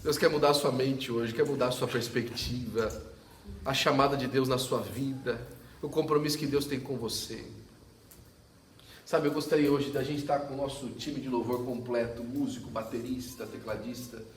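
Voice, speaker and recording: A man's voice: mid-range voice, fairly even intonation, normal speed, slight background noise. A man preaching a sermon as pastor, telling a story and acting out the dialogue, laughing often. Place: church service. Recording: echoey church from a distance.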